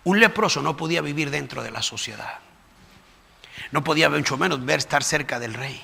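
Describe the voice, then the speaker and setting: A man's voice: fairly high pitch, expressive, a little fast, vocal fry, bright, forceful tone, breathy edge, in a large hall. A man preaching a fervent sermon in a church, recorded live. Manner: fervent preaching, voices the people in the story. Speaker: pastor. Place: church sanctuary.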